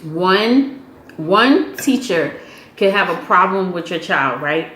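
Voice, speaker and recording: A woman's voice: fairly low pitch, animated, takes it slowly, a bit bright. A woman giving parenting advice in a casual family chat, motherly and direct. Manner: motherly, advising, teasing. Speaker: parent and vlog host. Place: home room at a meal. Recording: echoey room with faint noise.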